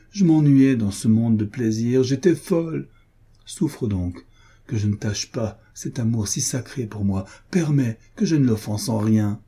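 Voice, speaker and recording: A man's voice: medium pitch, warm tone, husky. A man voicing a young, devout duchess in love, in a pleading, earnest tone.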